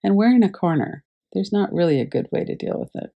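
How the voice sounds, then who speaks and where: A woman teaching a class over a video call, gently guiding listeners through a visualization with unhurried pauses. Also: mid-range voice, lively intonation, creaky, dull audio. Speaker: meditation teacher.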